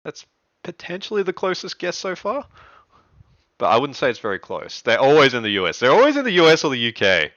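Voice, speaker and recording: A young man hosts a riddle contest live on stream, his voice leaping up and down as he chats and laughs. The tone is bright and forward. It sounds dry and a little dull, like a close home streaming mic. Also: mid-range voice, fairly quick, no room sound. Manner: excitable, chatty, laughs often. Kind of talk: casual live-stream chat.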